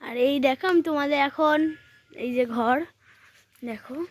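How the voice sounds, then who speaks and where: A woman's voice: high-pitched, moderate pace. A woman giving a casual walking tour for her vlog. She talks straight to her viewers, keeps pointing things out, and films with a handheld phone outdoors in a village. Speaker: vlogger. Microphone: handheld phone while filming.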